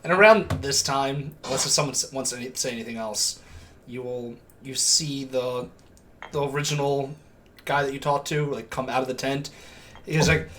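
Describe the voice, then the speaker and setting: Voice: medium pitch, fairly even intonation, normal speed, fairly bright tone, a little hiss or hum. A casual, informal game master who swears freely while narrating a tabletop game.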